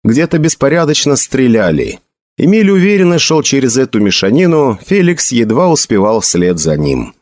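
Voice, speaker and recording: A man narrating an audiobook in an expressive storytelling manner. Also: medium pitch, normal speed, no room sound. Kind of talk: scripted narration.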